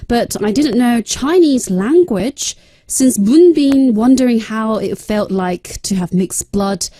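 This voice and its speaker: Brief: cheerful woman radio co-host, reads listener mail, mellow voice, dry studio sound. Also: a little high, lively intonation, takes it slowly, no room sound. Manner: giggly, cheerful, reads messages aloud. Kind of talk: casual radio chat and reading listener messages. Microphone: studio microphone.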